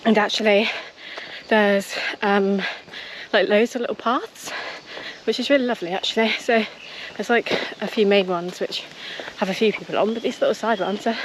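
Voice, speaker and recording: Her voice medium in pitch, steady and at normal speed, a British woman chats to camera for her running vlog while jogging trails. The recording carries noisy outdoor background sound.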